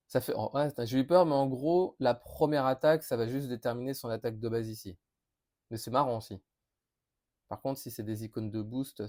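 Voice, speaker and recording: A man talks through new game cards in a loose, chatty preview. He reads each card, stumbles, corrects himself and reacts as he works it out. His voice sits at a middling pitch, neither high nor low. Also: a little mellow. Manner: thinking aloud, reading cards with many fillers and restarts. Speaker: board game youtuber. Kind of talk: casual card preview commentary.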